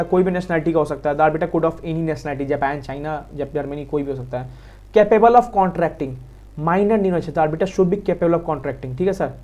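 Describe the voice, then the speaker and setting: A man with an Indian accent giving a quick exam revision lecture on law, talking fast and repeating key points to his students. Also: high-pitched, a little mellow. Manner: quick, repetitive, addresses students as sir. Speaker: law teacher.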